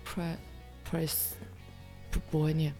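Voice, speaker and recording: Soft, tentative higher-voiced man. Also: monotone, extremely slow, faint music behind. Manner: soft, tentative replies and repetitions. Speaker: student co-host.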